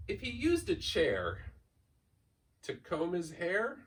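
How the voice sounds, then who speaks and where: Reading a picture book to children, this man's high, slightly bright voice swoops wildly in pitch at a slow pace. The school staffer hams it up, drawing out key words and rattling through stacked lists, captured from far away.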